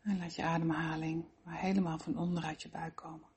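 A soft, breathy voice guiding a body-scan meditation, speaking gently and slowly with long pauses. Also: medium pitch, level tone. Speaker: meditation guide.

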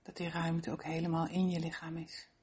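A soft, breathy voice guiding a body-scan meditation, speaking gently and slowly with long pauses. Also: mid-range voice, monotone. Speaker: meditation guide.

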